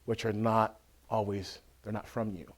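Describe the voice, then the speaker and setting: Priest giving a lively teaching talk. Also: male voice, fairly low pitch, unhurried. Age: adult with a school-age son. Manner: checks in with listeners, acts out scenes loudly.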